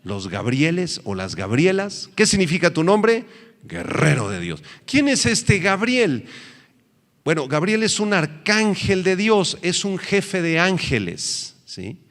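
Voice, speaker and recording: A man's voice: sits high, very animated, slow, fairly bright tone, long reverb tail. A male pastor teaching a sermon, asking the congregation questions and answering them himself.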